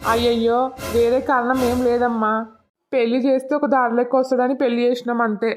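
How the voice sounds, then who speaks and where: A woman voicing an older village father-in-law in a cartoon, with a lowered, gruff put-on voice. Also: flat delivery, a little fast, faint music behind, lightly acted. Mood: reassuring.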